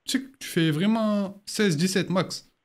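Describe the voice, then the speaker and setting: A man in his twenties chats with strangers on his live stream. He teases them in a playful, mock-grumpy way, and his voice sits a little high for a man. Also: unhurried. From France. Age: 20s. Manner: teasing, mock-grumpy banter. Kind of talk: casual live-stream chat.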